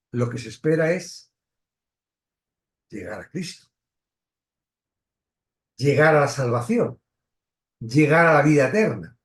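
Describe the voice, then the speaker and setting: Animated man teaching Bible study. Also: a little high. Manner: questioning, emphatic, pauses and restarts.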